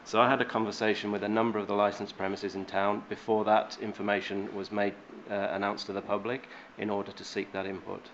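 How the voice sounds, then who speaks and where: Man, formal council officer, brisk and monotone, on a muffled, slightly noisy recording. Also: lowish voice. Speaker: council officer answering questions. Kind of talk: formal meeting answers. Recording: dull, faintly noisy meeting room audio.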